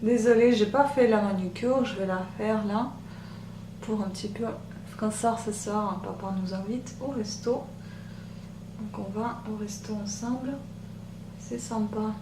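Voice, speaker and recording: A woman with a soft voice talking through a makeup tutorial in a relaxed, chatty way, pausing often. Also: mid-range voice, far from the mic. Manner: chatty, hesitant with many pauses. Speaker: beauty vlogger. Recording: roomy echo, off-mic, machine hum. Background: machine hum.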